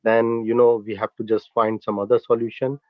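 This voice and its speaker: A man's voice: on the low side, little pitch movement, normal speed, dry recording. Hesitant man on a dull call line. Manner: hesitant, repeats "you know". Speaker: student. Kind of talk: question in an online class.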